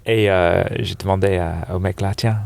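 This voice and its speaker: A man's voice: sits low, fairly even intonation, moderate pace, creaky, a little mellow, no room sound. Englishman speaking French with hesitant fillers. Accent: English with a slight American touch, speaking French. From England. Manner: hesitant, many "euh" fillers, laughs easily. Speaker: interview guest, snowboard shop buyer. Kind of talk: casual interview chat. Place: sofa in a dark exhibition hall.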